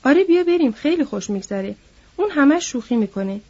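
A woman doing a loud, chatty ranch hand. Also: high-pitched. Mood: eager gossip. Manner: loud, lively gossiping. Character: chatty young male ranch hand, eager for town. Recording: dull lo-fi audiobook recording.

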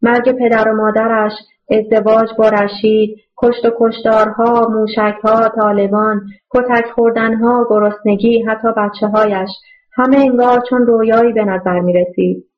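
A woman narrating a novel aloud in a steady, measured reading voice. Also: a little high. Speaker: audiobook narrator. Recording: muffled lo-fi audio.

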